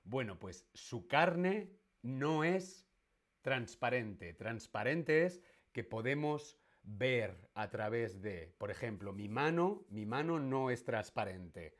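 A man's voice: mid-range voice, sing-song, takes it slowly. A man with a Spain Spanish accent teaching a live-streamed language lesson, playful and quizzing his viewers, repeating each question. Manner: makes animal noises in jest.

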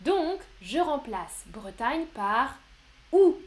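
Slow, patient teacher woman. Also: high voice, big pitch swings. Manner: slow, patient, encouraging, reads out viewers' answers. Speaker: French teacher. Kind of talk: live online grammar lesson.

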